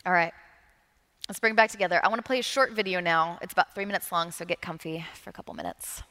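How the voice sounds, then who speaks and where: A woman preaches a sermon in an earnest, steady way, repeating key phrases for emphasis. Her voice sits low with a gravelly edge. A long hall reverb trails each line. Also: fast talker. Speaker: pastor.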